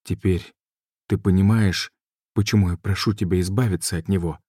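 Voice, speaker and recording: A man's voice: deep voice, steady tone, moderate pace, mellow, husky, no room sound, studio quality. A man voicing a tormented, desperate mage. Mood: grim. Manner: tense, urgent outbursts.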